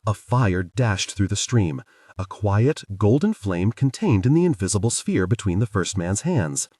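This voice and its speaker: Lively male audiobook narrator, husky. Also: fairly low pitch, unhurried, no room sound, clean studio sound, far from the mic. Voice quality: lively, wry storytelling. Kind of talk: first-person audiobook narration.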